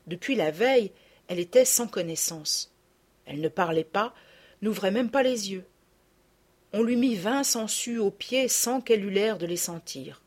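A woman narrating a classic children's story aloud in an expressive reading style. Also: medium pitch. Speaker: audiobook narrator.

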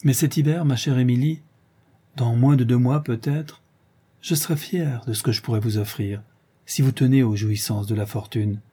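A man's voice: medium pitch, steady tone, moderate pace, dark tone, slightly rough, natural voice. A man reading an audiobook, voicing a dignified, earnest young suitor with a grave delivery. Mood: tender.

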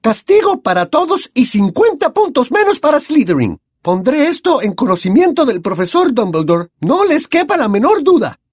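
A man's voice: big pitch swings, moderate pace, hardly any pauses, breathy edge, no echo, studio quality, heavily acted. A man shrieking as an outraged stern schoolmistress. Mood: furious. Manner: shrill, scolding outbursts. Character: stern angry older female teacher.

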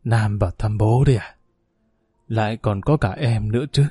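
A man voicing a weak father just woken in a hospital bed, talking slowly and softly in a low voice. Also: dry recording, soft background music, close to an everyday voice. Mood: tender. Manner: slow, soft.

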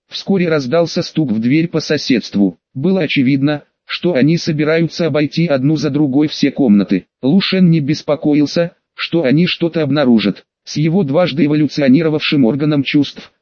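Male audiobook narrator, somewhat high voice, dry lo-fi recording. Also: moderate pace, few pauses, a little mellow, no room sound. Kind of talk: scripted narration.

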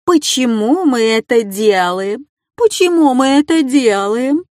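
A woman voicing a young masked man who taunts in a squeaky mimicking tone. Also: expressive, slow, a little mellow, no room sound, clean studio sound. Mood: mocking.

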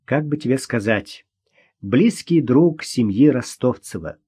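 A man doing a soft-spoken, placating young man. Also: mid-range voice, expressive, unhurried, husky. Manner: soft, soothing, conciliatory. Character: mild, gentle young screenwriter, placating. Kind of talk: audiobook character voice.

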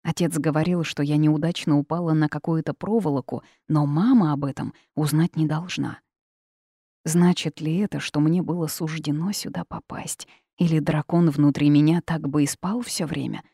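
Woman reading an audiobook, low mellow voice, dry close sound. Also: steady tone, normal speed, slightly rough, no room sound. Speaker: audiobook narrator. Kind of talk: first-person audiobook narration.

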